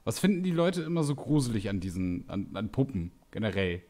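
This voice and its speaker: A man's voice: fairly low pitch, very animated, fairly quick, darkish tone. A man giving casual gameplay commentary, chatty and joking as he reacts aloud. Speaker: let's play streamer.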